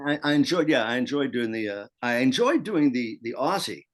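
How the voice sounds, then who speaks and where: An older man chatting as an interview guest, with a voice of ordinary middle pitch. He talks in a meandering, chatty way and often restarts his sentences. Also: expressive, a little fast. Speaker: interview guest, actor and teacher. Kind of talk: casual video interview.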